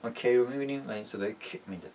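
A man's voice: mid-range voice, darkish tone, recorded from a distance, slight background noise. A man teaching an English lesson in a casual, explanatory way, often checking in with rhetorical questions.

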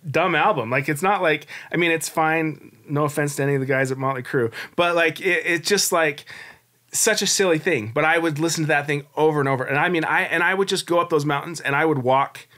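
Candid and reflective, this podcast guest in his forties rambles through his own story in a relaxed interview. He has a fairly high-pitched, sharp-toned voice and talks a little fast.

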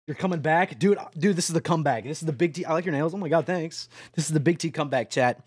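A young man streams a truck driving game, chatting casually and speaking straight to his chat. His voice is a little high and slightly rough, and he talks fast, swearing often and breaking into yelps and laughs. The recording is dry, with clean studio sound.

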